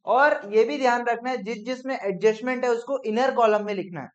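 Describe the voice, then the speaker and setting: A man teaching accounts in a classroom lecture, brisk and coaxing, often checking whether students follow. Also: very high voice. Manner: brisk, coaxing, peppered with "theek hai?". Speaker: commerce teacher. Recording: dull lo-fi classroom recording.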